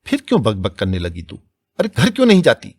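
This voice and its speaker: A weary middle-aged farmer speaks sternly but with restraint, low and tired, as a male narrator takes him on. The voice is deep, husky and dry. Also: expressive, moderate pace, no room sound. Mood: scolding.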